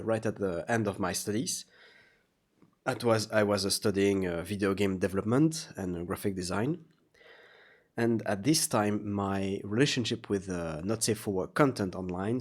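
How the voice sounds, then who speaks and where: Low-voiced, halting man with a slightly sore throat. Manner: halting, searching for words. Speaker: vlogger, artist. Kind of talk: casual confessional vlog monologue.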